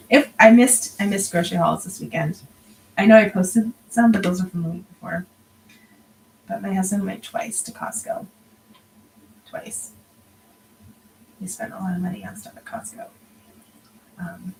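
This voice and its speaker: A woman in her thirties chats her way through a crafting livestream, tired and yawning. She laughs at herself and often sinks into a half-whisper while counting stitches. A faint hum sits behind her voice, which is pitched in the usual middle range. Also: creaky, a little mellow, poor audio. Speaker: crafting vlogger. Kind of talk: casual chat while stitching.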